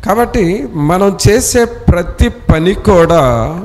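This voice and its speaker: A man's voice: sits high, expressive, takes it slowly, darkish tone. A man preaching a sermon who exhorts his listeners with repeated rhetorical questions and leads a scripture reading line by line. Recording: long reverb in a church hall.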